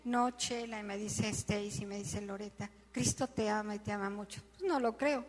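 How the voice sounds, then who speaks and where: A middle-aged woman, telling her personal testimony in an emotional, animated way, acting out the dialogue. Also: medium pitch, moderate pace, big-room sound. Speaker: church testimony speaker.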